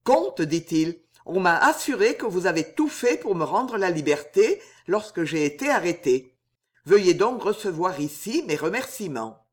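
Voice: medium pitch, big pitch swings, moderate pace, close to an everyday voice. A reader voicing a proud, gallant young male knight in a swashbuckling audiobook, answering with cool hauteur. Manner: proud and mocking in reply.

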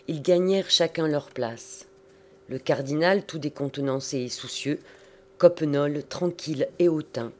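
A man narrating a classic novel, reading in a measured, expressive way with careful pauses. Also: on the high side. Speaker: audiobook narrator.

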